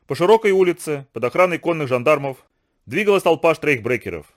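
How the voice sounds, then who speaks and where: A man reading a story aloud as narrator in an expressive, storytelling manner. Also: on the high side, fairly quick. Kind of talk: scripted audiobook narration.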